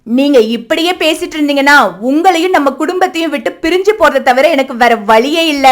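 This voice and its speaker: A woman with a high-pitched voice gives a lightly acted cartoon performance, speaking a little fast as a scheming, greedy elder daughter-in-law. The character scolds with nagging sarcasm.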